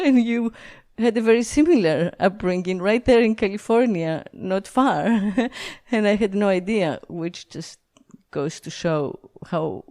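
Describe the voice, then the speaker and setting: A woman's voice: mid-range voice, dark tone. A woman from Greece hosting a podcast interview, talking casually with many fillers and laughs. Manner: rambling, frequent fillers and laughs. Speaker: podcast host.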